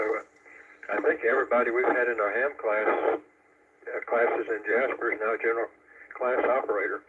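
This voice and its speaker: A man running an amateur radio net over a two-way radio, relaying announcements and a history talk in a halting way, with many pauses and fillers. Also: mid-range voice. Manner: halting delivery with frequent "uh" fillers. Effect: heard over a two-way radio with static. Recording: tinny, distant radio transmission with static.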